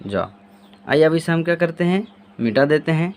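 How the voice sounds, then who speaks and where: A man walks through each letter, narrating as he draws it. His voice sits a little high for a man. He keeps asking himself what comes next and then answering. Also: animated, moderate pace, slight background noise. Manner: answers his own repeated questions while demonstrating. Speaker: Urdu handwriting teacher. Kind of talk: step-by-step writing lesson.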